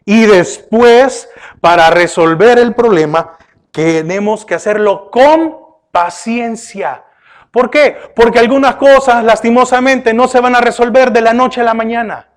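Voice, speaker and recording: A male pastor delivering a sermon, questioning his listeners often and turning from emphatic bursts to hushed remarks. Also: very high-pitched, a little slow. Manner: preaching with repeated rhetorical questions to the congregation; often addresses listeners with "oiga" and "¿verdad?".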